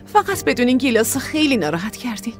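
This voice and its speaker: Firm caring older sister. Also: female voice, fairly high pitch, very animated, soft background music. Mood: earnest. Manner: pleading then scolding, earnest. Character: young woman raising her siblings, caring but firm. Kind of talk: Persian dub of a TV drama.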